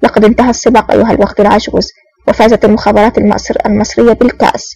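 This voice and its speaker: A woman's voice: mid-range voice, level tone, racing, gravelly, mellow, breathy edge, dry recording, rough recording. A woman reading a sardonic hero spy. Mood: mocking. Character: cool, sardonic male intelligence officer in disguise.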